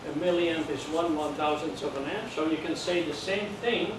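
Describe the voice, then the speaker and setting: In a classroom lecture on electronics, an older Dutch-accented instructor from the Netherlands, who teaches an amateur radio course, speaks at a moderate pace in a voice slightly high for a man. He's patient and plain, going step by step and checking in with jokes. Heavy echo and a clear hiss come through, since he's recorded from across the room.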